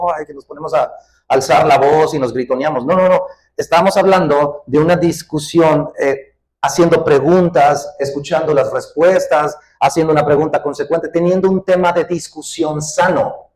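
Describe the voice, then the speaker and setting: A middle-aged man, preaching a conversational verse-by-verse sermon, animated and full of questions to the listener. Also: fairly high pitch, rough recording. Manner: animated, uses questions and acted quotes. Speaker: pastor teaching a Bible study.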